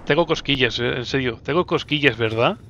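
A man from Spain, commentating a video game casually, teasing the enemy and breaking into excited shouts. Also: medium pitch, brisk, lo-fi sound, a little hiss or hum. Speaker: gameplay commentator. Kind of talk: casual let's-play commentary.

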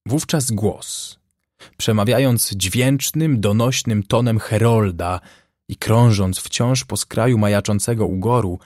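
A man narrating an audiobook in a measured, dramatic way, close to the mic. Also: fairly low pitch, darkish tone, no room sound. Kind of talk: scripted narration.

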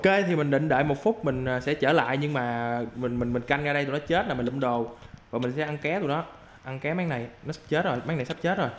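A young man giving casual gameplay commentary as a YouTuber, excitable and quick to yelp and repeat his exclamations. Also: a little high. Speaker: gaming YouTuber. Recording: roomy with faint background noise.

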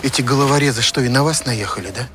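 An actor playing a fussy, ingratiating middle-aged schemer outdoors. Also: male voice, mid-range voice, fast talker, natural voice. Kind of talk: screen comedy-drama acting. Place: outdoors by a car in woods. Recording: noisy outdoor film sound.

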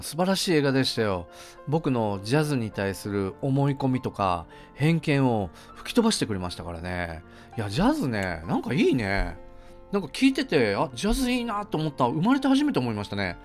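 A middle-aged man talks through a film review in a loose, chatty way, full of asides and fillers. His pitch moves around a lot as he talks. Faint music plays behind him. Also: very animated, a little fast. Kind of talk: casual solo film review.

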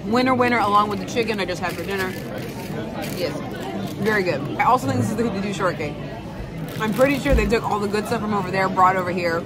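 A woman in her thirties hosts a casual food review vlog, filming on a phone or camera held at arm's length inside a busy, noisy restaurant with crowd chatter behind her. Her medium-pitched voice is chatty and lively, full of quick asides and laughs.

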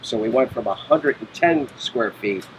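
A man's voice: mid-range voice, moderate pace, noisy background. A middle-aged man, a brewery owner being interviewed, explaining in a matter-of-fact way on an outdoor patio. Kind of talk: casual interview. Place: outdoor patio by a brick wall.

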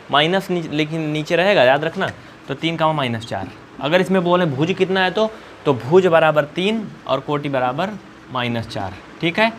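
A man's voice: on the high side, slight background noise. A male math teacher from India explaining coordinates at a whiteboard in a colloquial, coaxing way, asking questions and answering them himself.

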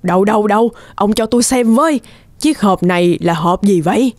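A woman voicing a kind old farmer's wife in a cartoon, fussing warmly. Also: medium pitch, fairly quick, no echo, natural voice. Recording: cartoon with music behind.

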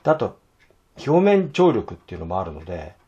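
A hoarse man teaching fountain pen illustration, talking to himself in halting asides as he draws. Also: low voice, huge pitch swings, mellow, dull audio. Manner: talks to himself while drawing, halting, murmured asides. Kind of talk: casual drawing tutorial.

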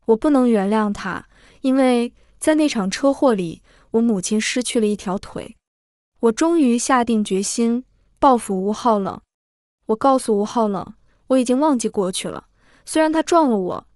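A woman with a slightly high voice reads a dramatic first-person story as a storyteller. Her delivery is steady and even throughout. She is recorded close to the mic in a dry, dead room. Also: dry recording. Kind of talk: scripted first-person narration.

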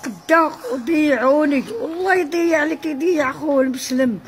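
Tearful high-voiced Moroccan woman, distressed. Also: moderate pace, slight background noise. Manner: tearful, aggrieved pleading with invocations of God. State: crying, distressed. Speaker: homeless mother telling her story. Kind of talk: emotional personal testimony. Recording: music over the voice.

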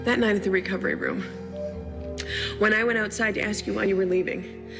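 A woman's voice: medium pitch, steady tone, a little fast, vocal fry, over music, natural voice. An actress playing a determined, caring woman doctor in a soap opera, with a pressing, emotional manner. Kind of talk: daytime soap drama acting.

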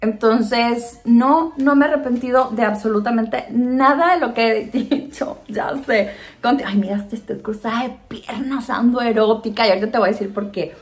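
A Mexican woman answering viewer questions in a casual chat to camera, animated and laughing often. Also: on the high side, normal speed. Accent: Mexican Spanish. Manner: chatty and animated, acts out voices in quotes.

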